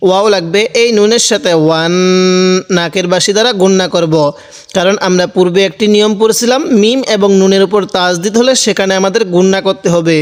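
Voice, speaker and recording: A man teaches Quran recitation in a high, smooth and resonant voice, breaking each word into its letters and vowel marks. He goes step by step and patiently repeats every rule. His voice carries a long hall reverb. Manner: slow, repetitive, patient step-by-step drilling. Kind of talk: spelling-out recitation lesson.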